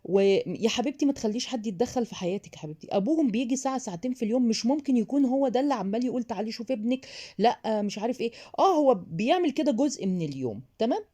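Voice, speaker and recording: A woman's voice: fairly high pitch, animated, very fast, dark tone. A woman with an Egyptian accent who reads out a viewer's question and then answers it in a chatty advice talk. She calls the listener "darling" and acts out other people's remarks. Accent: Egyptian Arabic. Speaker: parenting advice host.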